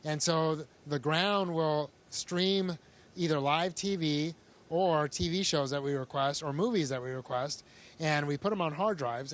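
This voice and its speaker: Higher-pitched man astronaut chatting casually. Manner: informal, conversational. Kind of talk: casual explaining to students. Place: aboard a space station.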